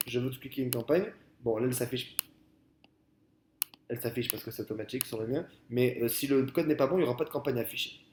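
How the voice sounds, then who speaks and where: Man, software tutorial, casual explaining, headset mic, mid pitch, echoey room. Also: a little hiss or hum. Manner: casual and explanatory, many fillers and restarts. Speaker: software trainer. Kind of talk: screen-recorded software tutorial.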